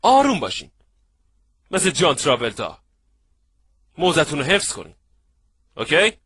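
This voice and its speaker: A networking trainer gives an animated seminar lecture in a bright, fairly high, husky voice. He's lively, acts out little scenes, and keeps asking the audience whether they follow.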